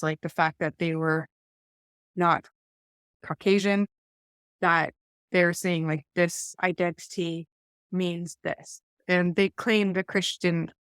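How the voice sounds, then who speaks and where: Her voice sits fairly low, clear and resonant, captured in a dry, studio-quality recording. She's a woman with an Eastern Ontario Canadian accent co-hosting a podcast, talking casually and anecdotally in a rambling, conversational way.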